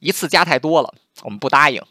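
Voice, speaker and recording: A man's voice: a little high, lively intonation, quick pace, bright, forceful tone, no room sound, studio quality, voice pushed up, heavily acted. A man voicing a fierce, blunt young chief's daughter in a told history story, speaking fearlessly and matter-of-fact.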